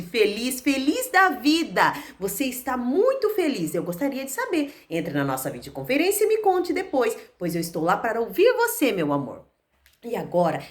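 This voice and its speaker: Leading an online lesson for small kids, a female teacher with a medium-pitched voice talks slowly, drawing out her words in an exaggerated sing-song.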